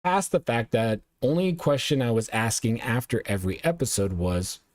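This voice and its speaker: A man's voice: medium pitch, big pitch swings, moderate pace, a little mellow, no room sound. A male show host casually recapping and reviewing anime episodes, rambling and often correcting himself with lots of uhs.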